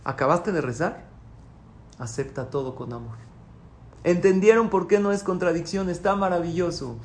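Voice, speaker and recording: A man, a rabbi, giving a sermon, teaching through questions and answers, now pleading loudly, now dropping to soft asides. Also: sits high, normal speed.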